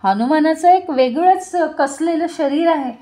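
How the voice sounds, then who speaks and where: A woman storyteller narrating a devotional tale, often pausing to ask her listeners questions. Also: sits high, dark tone, soft background music. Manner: asks listeners rhetorical questions.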